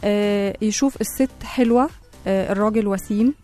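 A woman's voice: mid-range voice, fairly quick, warm tone, faint music behind. A woman with an Egyptian accent co-hosting a radio show in conversational, bantering chat. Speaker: radio co-host.

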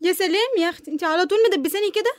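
A woman with an Egyptian accent playing a cheeky, whiny youngest sister, close and dry over soft music. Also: extremely high pitch, rapid-fire, no echo. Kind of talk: radio drama acting.

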